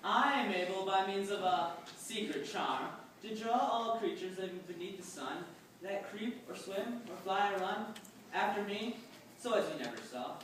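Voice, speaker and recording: A performer playing the Pied Piper, a mysterious, boastful wandering musician, reciting verse deliberately for readers theatre. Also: medium pitch, lively intonation, fairly bright tone, natural voice. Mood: boastful, formal. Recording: distant, very echoey room, faint noise.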